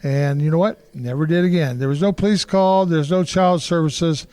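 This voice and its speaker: Blunt older man, slightly high voice. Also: moderate pace, darkish tone. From Kansas City, Kansas. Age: 60s. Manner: blunt, rambling, frequent restarts. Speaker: interview guest, martial artist. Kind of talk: casual storytelling interview.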